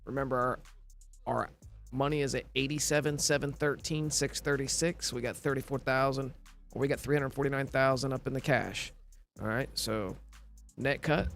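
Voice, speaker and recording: Recovering from illness, a man narrates a casual game tutorial step by step, with a scratchy voice showing vocal fry. His pitch is medium, his intonation fairly even, his pace normal and his tone a bit bright, and soft music plays in the background as he explains each step plainly.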